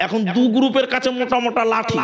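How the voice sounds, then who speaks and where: A man's voice: very high voice, little pitch movement, fast talker. A man from Assam preaching a sermon to a gathering, sometimes singing out recitations, asking the crowd questions and acting out comic stories. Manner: tells comic stories, acting out quarrelling villagers. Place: large outdoor religious gathering.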